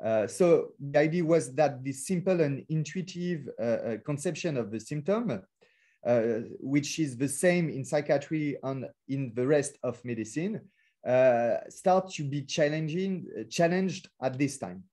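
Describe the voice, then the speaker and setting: A man's voice: a little high, lively intonation, a little slow, mellow. A man with a French accent, a philosopher speaking in an academic webinar, with many hesitations and fillers and careful non-native English phrasing. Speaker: lecturer. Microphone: video call.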